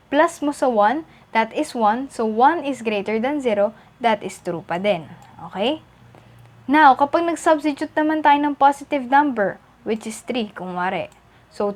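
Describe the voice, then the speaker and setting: A woman with a Filipino accent teaching a step-by-step lesson as a tutor, switching between two languages midsentence. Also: a little high. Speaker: math tutor. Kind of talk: instructional video lesson, explaining step by step.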